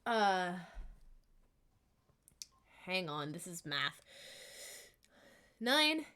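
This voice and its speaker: A woman playing a tabletop game on a live stream, excitable, laughing and swearing at her dice rolls. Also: fairly low pitch, very slow, clear, resonant tone. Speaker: player.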